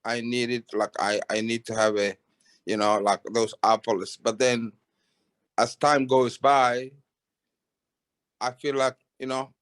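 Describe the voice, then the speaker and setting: A man from Somalia giving a halting personal testimony on a video call, with many restarts and fillers. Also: mid-range voice, level tone, a bit bright. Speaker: webinar participant. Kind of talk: casual testimony.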